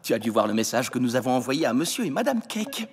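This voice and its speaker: A man voicing a kindly, reassuring young adult male pony in an animated cartoon dub. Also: medium pitch, fast talker, faint music behind.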